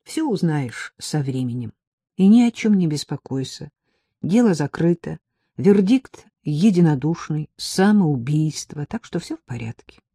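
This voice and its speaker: Woman voicing a patient firm young woman, curt replies, mellow tone, dry close sound. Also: deep voice, expressive, measured pace, husky, dry recording, heavily acted. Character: calm, stubborn young woman heroine.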